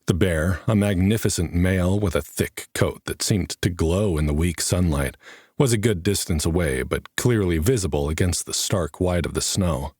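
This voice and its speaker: A man's voice: deep voice, moderate pace, a little mellow, slightly rough, no echo. A man narrating an audiobook with a dry, wry delivery.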